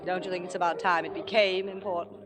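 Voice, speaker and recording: A woman playing a jealous, sharp-tongued middle-aged stage actress, theatrical and sarcastic, in an old-time radio drama. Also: lowish voice, flat delivery, fast talker, music in the background, close to an everyday voice. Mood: weary, bitter. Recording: vintage 1940s-50s radio broadcast.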